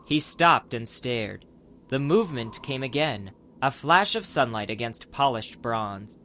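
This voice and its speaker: In a dramatic audiobook style, a mid-pitched male narrator reads a scripted adventure story with lively intonation and a bright, forceful tone. His pace is a little slow, and faint ambient noise sits behind him.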